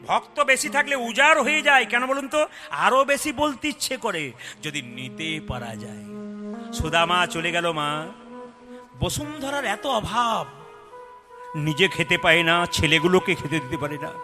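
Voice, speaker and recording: Dramatic high-voiced male kirtan preacher. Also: unhurried. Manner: dramatic, swings between loud cries and hushed tones, acts out story voices. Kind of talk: devotional kirtan sermon. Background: music.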